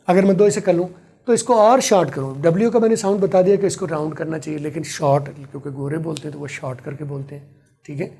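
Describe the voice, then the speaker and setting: A man's voice: fairly high pitch, mellow, breathy edge. A man giving an online English lesson, explaining patiently and repeating phrases for practice while he writes them out. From Pakistan. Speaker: English teacher.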